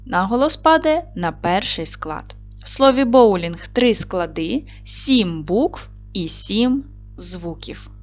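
A woman's voice: mid-range voice, lively intonation, takes it slowly, faint music behind. Woman teaching a children's video lesson. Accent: Ukrainian. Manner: clear, patient, instructive tone addressing children. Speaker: primary school teacher.

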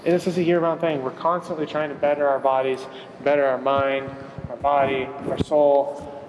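A man's voice: mid-range voice, flat delivery, normal speed. A man working as a fitness trainer, coaching a workout with an upbeat, encouraging manner and counting reps. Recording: echoey hall with background noise.

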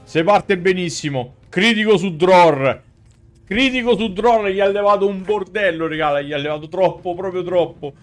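A man's high-sitting voice moves at a moderate pace as he streams video games from an indoor gaming setup. In his thirties and speaking with a Roman, central Italian accent, he gives casual, colloquial live commentary into his headset mic while game music runs behind.

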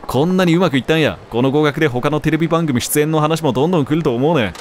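A man voicing a gentle, easygoing male comedian in a put-on Kansai dialect. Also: fairly high pitch, fast, a little hiss or hum, close to an everyday voice. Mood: hopeful.

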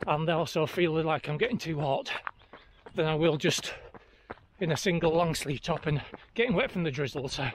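This running vlogger, a middle-aged man, speaks at a normal speed in a slightly high voice, chatting casually to camera as he runs and sounding exerted. The setting is an open fell trail by a lake, with clear outdoor noise in the background.

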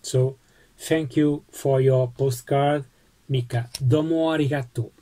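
At home in a small room lined with bookshelves, a Portuguese-accented man in his forties casually shows off his postcards for a show-and-tell vlog, talking through each one. His medium-pitched, mellow voice stays steady, and he is unhurried and friendly, pausing briefly with fillers as he presents items.

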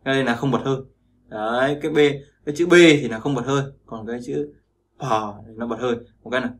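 Speaking at a quick pace in a medium-pitched voice, a man teaches pronunciation. As a language teacher, he's repetitive, drilling sounds and frequently checking in to make sure listeners follow.

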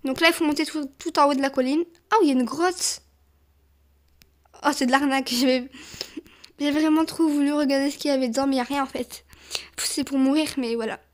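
A young woman narrating a video game as she plays, animated, often squealing and laughing. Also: high-pitched, fairly quick, long pauses. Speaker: gaming YouTuber. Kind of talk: excited let's-play commentary.

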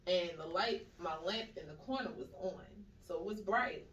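A podcast co-host with a fairly low, slightly bright voice tells a long, casual story at a moderate pace, saying "like" a lot and acting out the voices she quotes. The audio is dull and echoey, recorded with the mic at a distance.

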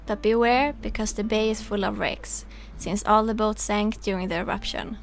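A woman narrating a sailing vlog voice-over in a calm, informative way. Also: medium pitch, moderate pace, gravelly, music in the background.

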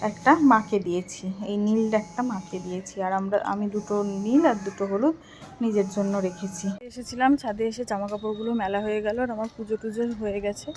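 A middle-aged woman vlogger chatting casually and softly about her day at home. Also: mid-range voice, slight background noise. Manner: chatty, homely, soft-spoken. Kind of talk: casual vlog chat.

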